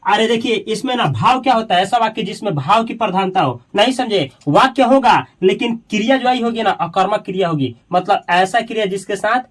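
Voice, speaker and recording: High-voiced man teaching grammar. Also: animated. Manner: repeats example sentences slowly, asks and answers his own questions; coaxing, reassuring students directly. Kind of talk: coaching-class lesson.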